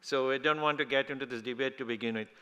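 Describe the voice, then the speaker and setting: Bright-voiced man moderating a panel. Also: mid-range voice, fairly even intonation, fast, clear, resonant tone, muffled recording. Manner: loose, rambling, laughs easily.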